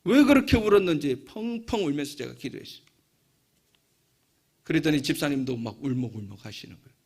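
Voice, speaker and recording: A male pastor telling a story in a sermon, dropping to hushed asides and rising into fervent prayer. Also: on the high side, animated, a little fast, husky.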